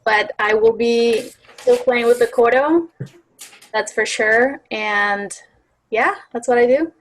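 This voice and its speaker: A young woman from Colombia, a percussionist, introducing herself quickly and casually on a video call. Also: on the high side, low-quality recording.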